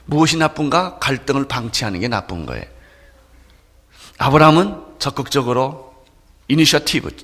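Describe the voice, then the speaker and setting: A man preaching a sermon as pastor, with animated delivery that swings between loud emphasis and soft asides. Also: mid-range voice, long reverb tail.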